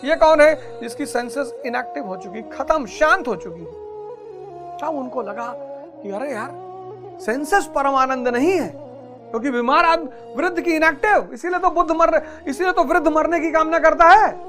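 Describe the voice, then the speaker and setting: A man giving a motivational lecture, preaching emphatically and swinging from loud exhortation to near-murmur. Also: very high voice, normal speed, over music. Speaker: motivational teacher.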